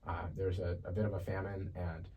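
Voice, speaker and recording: A young man from Ethiopia talks through his life story as a podcast guest, relaxed and chatty and quick to laugh. His voice sits very low. He is a little far from the mic, with a faint hum of ambience behind him. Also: muffled recording. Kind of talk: casual testimony.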